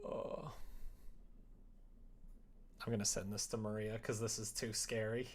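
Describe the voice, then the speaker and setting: A streamer building a visual novel offers casual live coding commentary at a slow pace, speaking at medium pitch with little variation. They think aloud, mutter to themselves, and burst into playful exclamations.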